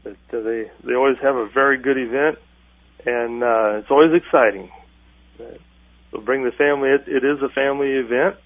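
Man on tinny radio tape, halting. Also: medium pitch, no room sound. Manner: halting, many filler pauses. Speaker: farm organization president, radio guest. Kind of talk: radio interview. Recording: tinny phone-like lo-fi radio sound, dry.

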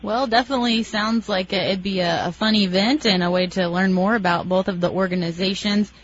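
A woman's voice: medium pitch, brisk, breathy edge. Woman radio host taped off the air. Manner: steady, even news-reading delivery. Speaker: farm radio show host. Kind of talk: radio hosting and scripted news reading. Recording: dull lo-fi radio sound, dry.

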